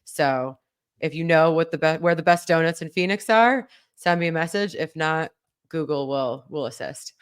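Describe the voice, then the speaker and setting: A woman's voice: low-pitched, normal speed, smooth. A woman co-hosting a podcast, chatting in a rambling, friendly way and laughing often. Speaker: podcast co-host. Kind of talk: casual chat.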